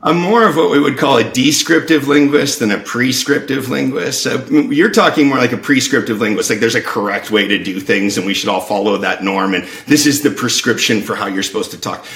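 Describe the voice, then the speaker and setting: Man, low and gravelly, talking through ideas at length; roomy echo on the mic. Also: brisk, few pauses, a bit bright. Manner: thoughtful, explains at length. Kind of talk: casual conversational explaining. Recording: echoey room.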